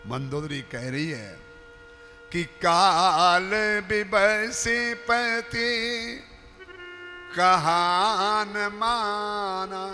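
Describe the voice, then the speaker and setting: A man's voice: on the high side, pushed and bright. A man preaching a devotional sermon, impassioned, breaking into sung verses. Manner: impassioned, rising to sung chanting. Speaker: kathavachak preacher. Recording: live hall with music, reverberant.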